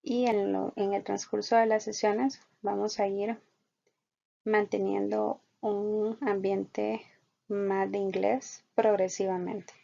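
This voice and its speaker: Slow, gravelly-voiced woman teaching. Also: mid-range voice, level tone, dark tone. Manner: slow, patient explaining, repeats example sentences slowly. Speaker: English teacher. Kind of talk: online language lesson. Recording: dull lo-fi recording.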